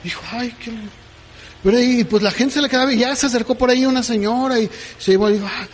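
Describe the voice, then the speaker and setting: A middle-aged pastor preaches with a strikingly high voice. He keeps it conversational and keeps checking that his listeners follow him. His words ring out with the long reverb of a church hall. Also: rapid-fire, slight background noise. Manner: conversational preaching with frequent "¿verdad?" asides. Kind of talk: sermon.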